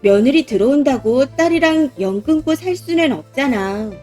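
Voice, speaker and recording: Woman playing a brash middle-aged mother-in-law for a read-aloud story: high, self-assured, dismissive. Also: lively intonation, normal speed, darkish tone, faint music behind. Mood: defiant.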